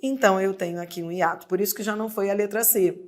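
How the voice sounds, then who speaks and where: A woman's voice: medium pitch, steady tone, quick pace. A woman teacher with a Brazilian accent giving an exam prep lesson, sounding out words syllable by syllable. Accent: Brazilian Portuguese.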